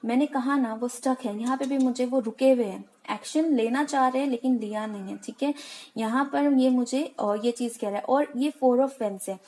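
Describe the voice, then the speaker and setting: A woman talks her viewers through a tarot spread in a relaxed, chatty way. Her voice sits a little high, and she keeps checking in with a reassuring "okay" as she switches between two languages. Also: normal speed, poor audio. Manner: chatty, reassuring, mixes English into Hindi, often says "okay". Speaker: tarot card reader. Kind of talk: casual tarot reading to viewers.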